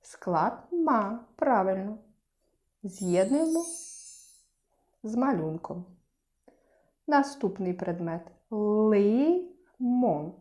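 A woman teaching a speech lesson to young children, sounding out syllables clearly and praising often. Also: medium pitch, lively intonation, slow pace, long pauses, darkish tone.

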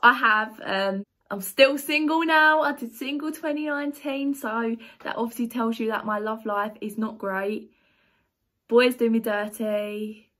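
A young woman talks straight to camera in a casual vlog, reading out viewer comments and firing back. Her voice sits a little high, and her delivery is chatty, blunt and dryly sarcastic. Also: moderate pace, sharp tone. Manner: reads comments aloud, then reacts. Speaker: YouTuber answering viewer comments.

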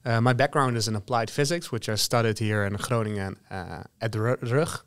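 Male lecturer as podcast guest, low smooth voice, frequent uh fillers. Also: a little fast, a bit bright. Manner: many uh fillers, friendly. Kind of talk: casual podcast interview. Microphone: studio mic on a stand.

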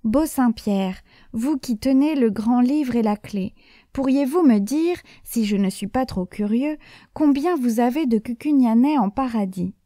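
A woman's voice: a little high, animated, unhurried, warm tone, no room sound, studio quality. A woman voicing an elderly male village priest, earnest and anxious, who pleads and exclaims.

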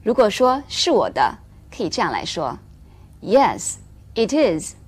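Woman teaching English in a clear, measured voice. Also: mid-range voice, huge pitch swings. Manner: clear, measured explanation, slowing down for English examples. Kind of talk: recorded English lesson for Chinese learners.

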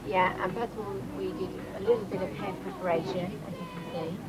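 A woman's voice: medium pitch, fairly even intonation, a little fast, over a noisy crowd, rough recording. Give me a teasing young woman chatting to a camcorder on a video shoot. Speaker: pop singer on a video shoot. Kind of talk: casual behind-the-scenes chat.

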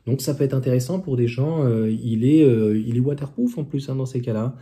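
A man's voice: mid-range voice, fairly quick, dark tone. A man reviewing car accessories in a casual, chatty way, with many fillers and restarts. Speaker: electric car vlogger.

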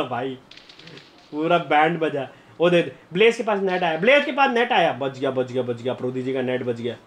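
Young guy streaming a game, kinda high voice, gets loud and hyped fast. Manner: excitable, laughing, shouting bursts. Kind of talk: live gameplay commentary.

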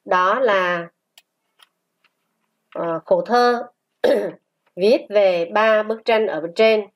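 A woman teaching a first-grade reading lesson, spelling out syllables slowly and repeating short rhymes for children. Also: medium pitch. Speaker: primary school teacher.

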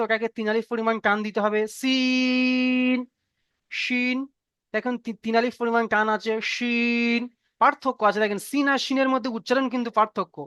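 A man's voice: extremely high pitch, a bit bright, clean tone, no room sound, clean studio sound. A man teaching Arabic letters in an online class, patient and encouraging, stretching out the letter sounds to show how they should be read. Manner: patient, repeats praise and drawn-out letter sounds. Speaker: Quran reading teacher. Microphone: video call.

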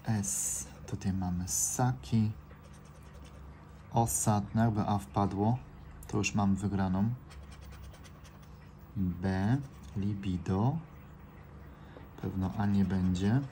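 A man calmly reading out letters and words one by one as he scratches off lottery cards, indoors by an open window. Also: lowish voice, slow, pauses often. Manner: reads out letters and words one by one in a calm, steady drone. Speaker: scratch-card vlogger. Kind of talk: casual scratch-off commentary. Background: faint noise through an open window.

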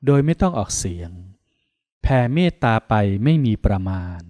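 Calm Thai monk guiding meditation. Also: male voice, mid-range voice, no room sound. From Thailand. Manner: slow, calm, soothing instructions with pauses. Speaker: Buddhist monk meditation teacher. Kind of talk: guided meditation.

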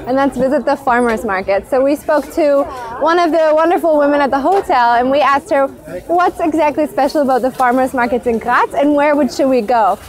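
A woman in her thirties hosts a travel vlog, explaining things with enthusiasm in a high voice at a slightly fast pace. Background music plays as a bed behind her voice.

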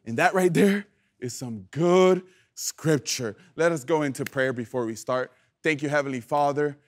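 A young man preaching a youth sermon, lively and playful, calling on the audience to answer back. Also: a little high, a little slow. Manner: animated, playful, calls for audience response. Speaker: youth pastor.

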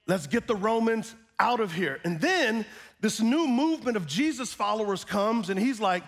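A middle-aged man preaching a sermon on a church stage, animated and calling out to his congregation. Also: sits high, normal speed. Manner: animated, gesturing, calls out to the congregation. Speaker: pastor. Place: large church stage with band gear.

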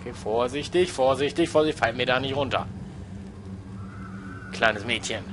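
A man's voice: medium pitch, moderate pace, background noise. A man commentating a video game as he plays, muttering to himself and shrieking when startled. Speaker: let's play gamer.

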